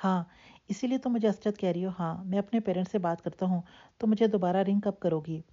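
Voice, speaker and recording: A woman's voice: mid-range voice, dark tone, lightly acted. A woman narrator voicing an anxious young man who tries to reassure, on a dull lo-fi recording. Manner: anxious, then soothing.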